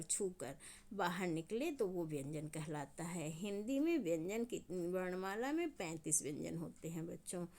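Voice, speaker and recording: A woman teacher giving a grammar lesson to schoolchildren, explaining patiently step by step and drawing out the example sounds slowly. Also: medium pitch, darkish tone. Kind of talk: online Hindi grammar lesson.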